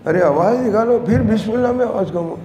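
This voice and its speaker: A man's voice: high-pitched, fast, warm tone. A man teaching Quran recitation, correcting pronunciation and explaining breath control in an instructive manner. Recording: echoey hall with faint ambience.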